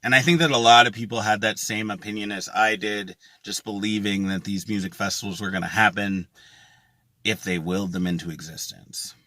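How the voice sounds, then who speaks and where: A man's voice: fairly low pitch, fairly even intonation, a little fast, pushed and bright, dry recording. A man speaking casually and earnestly to his viewers as a music festival vlogger, with emphatic phrasing. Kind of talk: casual to-camera vlog.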